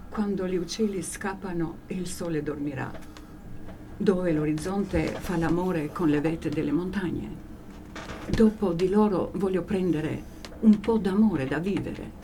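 Woman, poem recital, slow, soft, low-pitched, mellow tone. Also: recorded from a distance, slight background noise. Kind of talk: reading a poem aloud.

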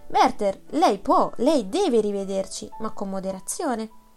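A woman reading the part of an earnest young woman who pleads gently but firmly. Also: mid-range voice, sing-song, a little slow, faint music behind. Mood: pleading.

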